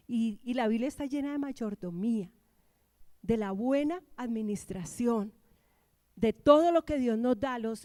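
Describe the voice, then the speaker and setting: A woman pastor from Colombia preaches with emphatic rises and drops. Her voice sits high and is heard close and dry, with little room sound. She keeps prompting the congregation to repeat her lines. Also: mellow, no room sound. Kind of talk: sermon. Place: church.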